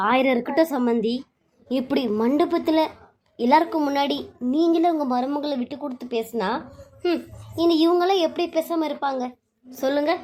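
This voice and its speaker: A woman's voice: high-pitched, moderate pace, darkish tone, lightly acted. A woman voicing an indignant middle-aged mother who sternly defends her daughter. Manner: stern, scolding.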